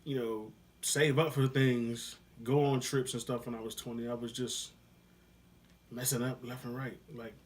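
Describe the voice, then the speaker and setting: A man who has just turned thirty jokes around easily, slangy and relaxed, as he chats beside his partner. His voice sits in a middle pitch for a man. Faint noise runs underneath. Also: normal speed. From Ohio, US. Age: 30s. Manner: laid-back, joking, slangy. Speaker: vlogger. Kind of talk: casual couple Q&A chat.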